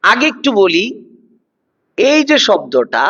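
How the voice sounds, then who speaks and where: A man's voice: sits high, huge pitch swings, slow, sharp tone, slightly rough. A man in his thirties teaching an online class, repeating words and coaxing his students along. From Bangladesh. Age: 30s. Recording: dull lo-fi online class audio.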